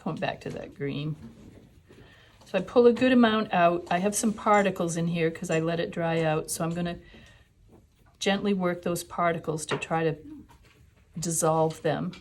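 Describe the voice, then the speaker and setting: A woman's voice: on the low side, normal speed, pauses often, a little hiss or hum. A woman teaching a watercolor class, talking through each step as she paints. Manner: chatty, explains steps while painting. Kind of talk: live class demonstration.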